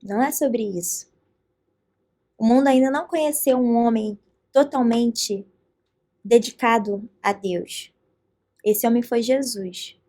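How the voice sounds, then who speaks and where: A Brazilian woman telling faith stories as a podcast guest, with an animated and earnest delivery. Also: on the high side, slow, long pauses. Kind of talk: faith testimony in a podcast conversation.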